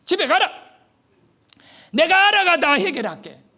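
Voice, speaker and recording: A man's voice: high voice, big pitch swings, moderate pace, a bit bright, breathy edge, heavily acted. A man voicing a stern older village office chief who barks and scolds. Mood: commanding.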